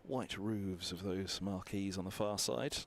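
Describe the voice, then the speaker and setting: A man with a lowish, gravelly voice commentating on cricket from a balcony box. He is chatty and analytical, working through scores aloud with plenty of fillers. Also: fairly even intonation, unhurried.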